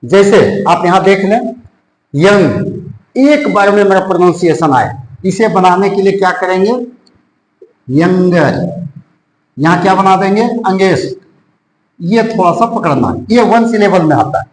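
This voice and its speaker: A man from India teaching English grammar, mixing Hindi and English with a Hindi accent and slowly repeating his examples. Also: high voice, expressive, roomy sound, slight background noise, poor audio. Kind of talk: classroom-style grammar lesson.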